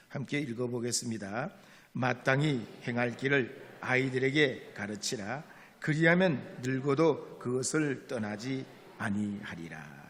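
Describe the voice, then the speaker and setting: A man's voice: mid-range voice, big-room sound. A man preaching a sermon as a pastor, speaking earnestly and acting out short dialogues in a church sanctuary.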